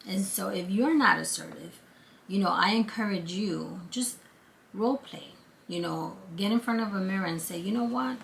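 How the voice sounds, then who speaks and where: A woman's voice: mid-range voice, normal speed, gravelly, a bit bright, slight background noise, rough recording. A woman with a Brooklyn accent chatting casually and encouragingly to viewers in an earnest, conversational motivational vlog. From born in Guatemala, lived in Brooklyn, New York for many years. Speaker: vlog host, former counselor.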